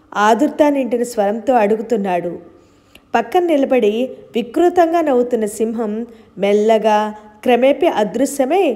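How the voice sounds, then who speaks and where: Brief: female audiobook narrator, measured novel reading, slightly high voice. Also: mellow.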